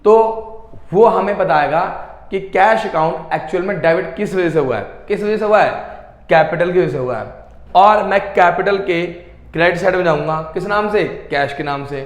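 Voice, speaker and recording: A man's voice: high voice, normal speed. Echoey male teacher quizzing his class. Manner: call-and-response questioning, answers own questions; affectionate Hindi teacher talk, calls students beta. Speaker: commerce teacher. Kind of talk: online class lecture.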